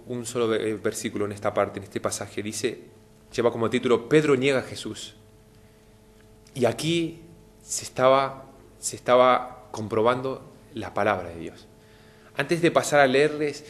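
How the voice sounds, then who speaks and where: A male preacher gives a televised sermon in a mid-range voice. He talks straight to his listeners and acts out the quoted lines with sudden rises in pitch and force. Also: normal speed. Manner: addresses the audience directly.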